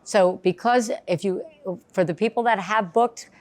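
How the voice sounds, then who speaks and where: At a bistro event space, a bubbly, chatty woman travel agent presents casually at a live event with a big cheerleader voice. She speaks at a medium pitch and a normal speed.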